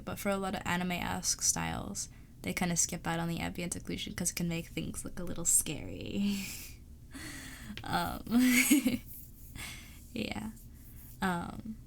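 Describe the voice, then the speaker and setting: Slow-talking sick woman streamer. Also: on the low side, gravelly, slight background noise. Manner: thinking aloud, rambling, laughs often. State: sick, sparing her voice. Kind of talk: casual chat while drawing on stream.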